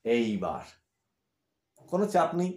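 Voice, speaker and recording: A man with a Bengali accent teaching grammar, asking questions and repeating examples slowly. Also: medium pitch, very animated, darkish tone. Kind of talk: grammar lesson. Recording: echoey room.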